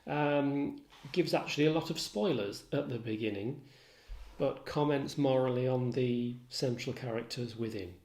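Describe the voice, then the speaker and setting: A man speaks as an English literature tutor giving a lecture, explaining deliberately and formally with precise wording and the occasional aside. His voice sits in the mid range with a darkish tone, and the recording sounds echoey and roomy.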